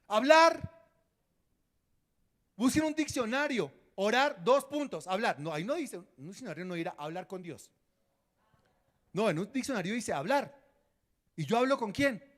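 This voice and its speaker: A man preaching a sermon as pastor, acting out prayers and dialogues and quizzing his congregation. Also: high-pitched.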